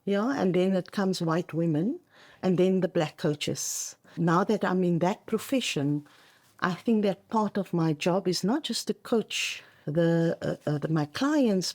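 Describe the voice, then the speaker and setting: Lowish and darkish in tone, this woman's voice belongs to a middle-aged South African coach with Afrikaans as her first language. Interviewed on a podcast, she speaks conversationally, stresses her points, and keeps checking in.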